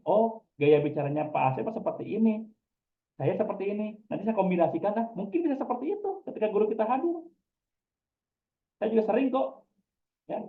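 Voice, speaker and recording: A man lectures a class on public speaking, lively and direct, often pausing on a quick "ya" to check in with the room. His voice sits fairly high, and the sound is thin and phone-like, ringing around an echoey room. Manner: animated, addresses audience directly with frequent "ya".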